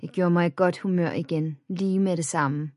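A woman narrating a first-person children's story in a plain, even storytelling manner. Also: lowish voice, no room sound, studio quality. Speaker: audiobook narrator.

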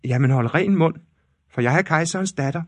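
A man voicing a spoiled, vain young princess in a storybook reading, high and haughty. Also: no echo, lightly acted.

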